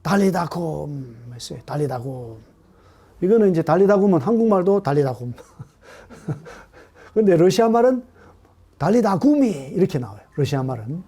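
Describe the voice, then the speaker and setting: A middle-aged man preaching a sermon to a congregation in an animated way, often asking them questions. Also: high voice, normal speed. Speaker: pastor. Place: church hall.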